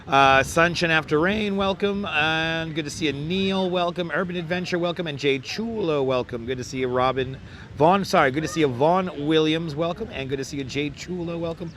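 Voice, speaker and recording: A hoarse man with a slightly high, crackly, squeaky voice hosts a casual phone livestream on a beach boardwalk, reeling off viewer names with repeated welcomes. He speaks at normal speed with a somewhat bright tone, and his wireless clip-on mic picks up faint traffic and city street noise.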